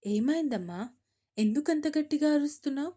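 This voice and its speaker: A woman's voice: high-pitched, animated, normal speed, warm tone, pitched above the performer's own voice. A woman doing a puzzled young wife.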